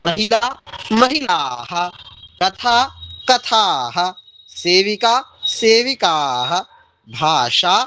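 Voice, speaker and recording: A man teaching an online Sanskrit class, reciting word pairs slowly and carefully, then explaining each meaning. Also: a little high, a bit bright.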